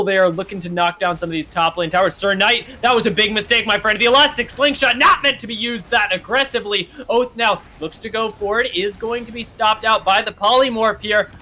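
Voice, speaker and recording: A man casting a live esports match, calling play-by-play at speed and rising to shouts in big fights. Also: sits high. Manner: rapid play-by-play that climbs to shouting at big plays.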